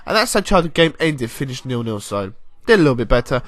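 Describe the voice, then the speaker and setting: A young man giving casual, rambling commentary over a football video game, with excitable bursts and mild swearing. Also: medium pitch, fast, no room sound. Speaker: gaming YouTuber.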